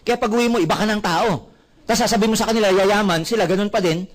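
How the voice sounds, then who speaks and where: A man with a Filipino accent, his voice pitched fairly high, gives a motivational seminar talk. He is animated and tells stories full of quoted dialogue. He switches freely between Tagalog and English. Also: fast talker. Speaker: network marketing speaker.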